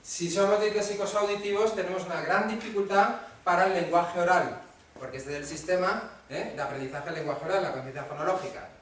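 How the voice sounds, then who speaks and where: A man's voice: sits high, a little fast, a bit bright. A man with a Spanish accent from Spain, giving a casual lecture to parents and often checking in with his audience. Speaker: speaker at a talk for parents. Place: hall at a parents' association talk. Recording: very echoey room, mic far off, faint noise.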